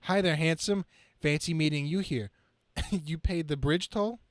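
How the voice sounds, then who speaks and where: A man's voice: on the high side, measured pace, no echo, clean studio sound, lightly acted. A man voicing a wisecracking young superhero and student, narrating his own action dramatically in a comic book reading. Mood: cocky. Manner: quippy, dramatic self-narration.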